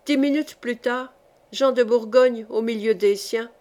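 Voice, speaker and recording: A woman narrating a historical novel as an audiobook, in a measured, dramatic reading. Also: a little high, a little mellow.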